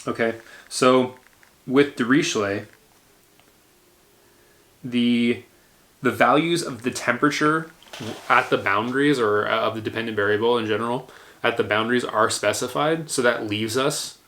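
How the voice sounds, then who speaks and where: Gravelly-voiced man giving a university lecture. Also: medium pitch, a little slow, fairly bright tone. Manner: explains step by step with many fillers and restarts. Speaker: engineering lecturer.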